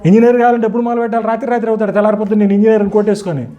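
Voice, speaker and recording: High-voiced man quizzing a class. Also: flat delivery, racing, dark tone, highs cut off. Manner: quizzes listeners with rhetorical questions. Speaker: teacher addressing a group. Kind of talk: interactive teaching talk.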